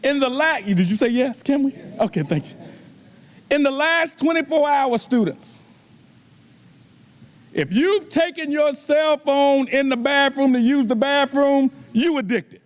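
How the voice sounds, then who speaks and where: A man's voice: very high voice, animated, a little slow. A middle-aged man giving a motivational keynote speech at a banquet, preacher-like, calling out to the students and asking the crowd rhetorical questions. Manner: preacherly, repeatedly addresses the audience with rhetorical questions. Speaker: motivational speaker. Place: banquet event.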